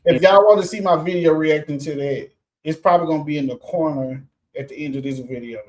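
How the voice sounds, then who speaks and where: A man's voice: on the high side, brisk, darkish tone. A man hosting a sports reaction show, talking loosely and casually with frequent fillers.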